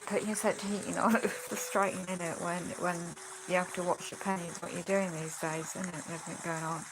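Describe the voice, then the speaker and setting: This vlogger has a fairly low voice with little pitch movement and talks briskly over a noisy background. Congested and losing her voice, she chats in a rambling way, sighing and tossing in tag questions, while a friend holds the phone recording her at home.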